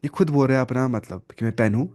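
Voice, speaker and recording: A man's voice: medium pitch, darkish tone. Man teaching Arabic grammar. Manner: explains step by step, asks the class questions and answers them himself; mixes in English terms and reads Arabic slowly. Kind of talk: online grammar lesson.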